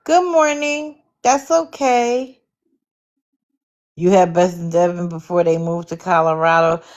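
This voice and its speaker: A woman's voice: fairly low pitch, a little slow, dull audio. Sarcastic woman hosting a livestream. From Connecticut, US. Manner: sarcastic, animated storytelling. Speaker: livestream host. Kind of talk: casual livestream commentary.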